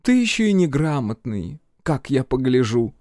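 A man's voice: mid-range voice, big pitch swings, normal speed, darkish tone, no echo, clean studio sound, voice pushed up, close to an everyday voice. A male audiobook reader voicing a haughty female goddess of dreams who speaks with contempt and sarcasm. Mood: imperious. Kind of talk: audiobook character voice.

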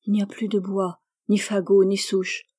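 Storybook peasant boy, brave and earnest, as a woman reader gives him, warm mellow delivery. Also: mid-range voice, little pitch movement, normal speed, breathy edge, natural voice.

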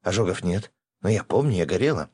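A man's voice: deep voice, expressive, brisk, darkish tone, husky. A man voicing a frightened, tearful young woman who wakes after a nightmare, speaking in anxious, breathless bursts.

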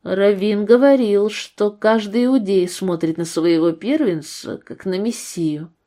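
A woman's voice: medium pitch, a little slow, mellow, lightly acted. A woman reading the part of a skeptical younger brother in a storybook reading.

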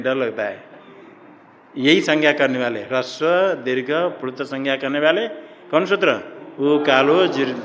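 A man teaching Sanskrit grammar to a class, slowly drawing out vowel sounds and quizzing his students. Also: medium pitch, fairly bright tone, slight background noise. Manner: slow, drawn-out chanting of vowels and rules, quizzing students. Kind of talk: classroom lecture. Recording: faint room ambience, long hall reverb.

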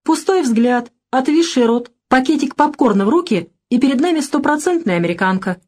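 A woman's voice: high voice, animated, a little fast, a little mellow, voice pushed up. Audiobook: opinionated bookish brother, read by a woman, testy and raised. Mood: irritable. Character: bookish young man, irritable and opinionated. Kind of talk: audiobook reading.

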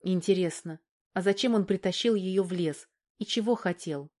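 A woman reading an audiobook in a measured, even narration. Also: on the low side. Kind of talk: scripted narration.

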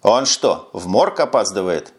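A man's voice: on the low side, big pitch swings, measured pace, pitched below the performer's own voice. A man voicing a tired, sarcastic police lieutenant who speaks curtly in an audiobook. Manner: sarcastic, curt. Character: weary sardonic male police lieutenant.

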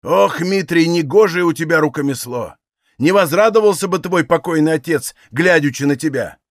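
A man's voice: a little high, animated, normal speed, dry recording, studio quality. A man doing a stern old Cossack father. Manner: loud, firm, commanding.

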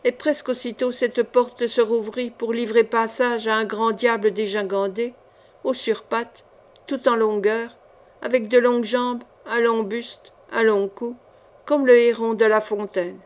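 A woman reading a classic novel aloud as an audiobook, in a measured storytelling manner. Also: a little high, steady tone. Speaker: audiobook reader.

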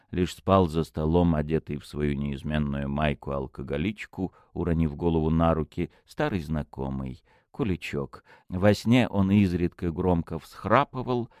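A man narrating an audiobook in an expressive storytelling manner, close to the mic. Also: a bass voice, dry recording.

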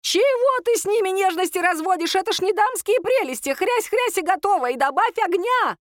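A woman voicing a loud, bossy old grandmother who shouts folksy encouragement, in an audiobook. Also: extremely high pitch, expressive, fairly quick, no room sound, studio quality, voice pushed up. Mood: bossy shouting. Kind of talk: audiobook character voice.

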